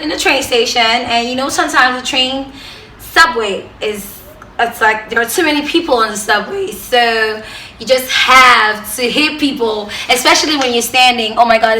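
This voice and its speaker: A young Nigerian woman with a high, bright voice tells her stories to the camera in an echoey room. She gets loud and animated, then drops into quiet asides. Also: a little hiss or hum. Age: young adult. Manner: animated storyteller who swings from loud outbursts to hushed asides. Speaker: vlogger. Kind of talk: storytelling to camera.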